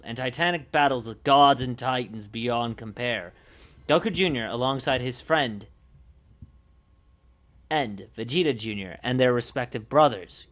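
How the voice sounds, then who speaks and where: A man livestreams as a game master, reading story summaries aloud and chatting, often repeating and correcting himself. His mid-range voice is a bit bright, and background music plays behind him.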